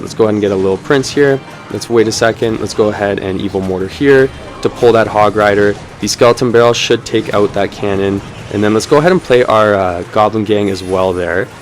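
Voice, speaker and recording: A young man talks through his card game match as he plays, upbeat and chatty, peppering his calls with ums. His voice sits fairly low. A faint hum of street traffic lingers behind him. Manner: upbeat, chatty, many "um"s and "let's go ahead". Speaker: gaming YouTuber. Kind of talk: live gameplay commentary.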